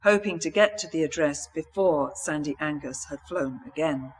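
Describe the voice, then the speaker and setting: A woman's voice: low voice, moderate pace, a little hiss or hum. Woman author reading her novel aloud.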